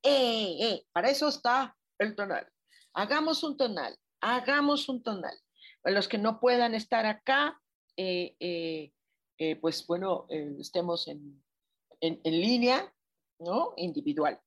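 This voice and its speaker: Slow husky Mexican woman guiding reflection. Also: medium pitch, lively intonation. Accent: Mexican Spanish. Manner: gently questioning, with frequent exclamations. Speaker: spiritual guide answering listener messages. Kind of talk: live reflective chat.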